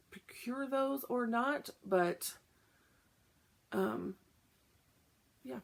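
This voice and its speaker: A woman chatting casually about her cross-stitch projects, short of breath and filling pauses with "um". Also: mid-range voice, vocal fry. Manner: chatty, lots of "um" fillers. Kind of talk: casual show-and-tell chat.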